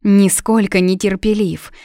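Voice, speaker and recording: A woman's voice: medium pitch, level tone, measured pace, warm tone, dry recording, studio quality, voice pushed up, natural voice. A woman voicing a stubborn, shy young witch who talks in a flustered, defiant way.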